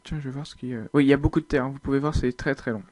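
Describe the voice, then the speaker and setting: A man's voice: mid-range voice, steady tone, rapid-fire, a little mellow, dry recording. A man giving casual, hesitant gameplay commentary, thinking aloud with many fillers. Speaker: video game uploader.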